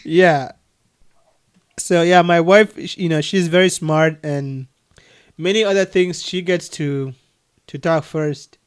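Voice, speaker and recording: A man with a Cameroonian accent, talking earnestly on a video call, with frequent restarts and soft laughs. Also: on the high side, steady tone, slow pace, long pauses, smooth. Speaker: adoption agency leader. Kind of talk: casual video call conversation.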